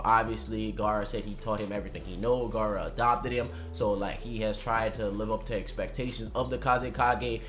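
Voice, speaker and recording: An anime commentary vlogger with a voice on the low side offers casual, unscripted preview commentary and predictions. He talks in a slangy, conversational way and swears freely.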